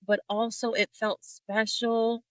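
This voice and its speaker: Woman guest on a grief talk, tender and reflective, slow pace, dry close sound. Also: on the high side, level tone, no echo, rough recording. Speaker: podcast guest. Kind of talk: personal sharing in conversation.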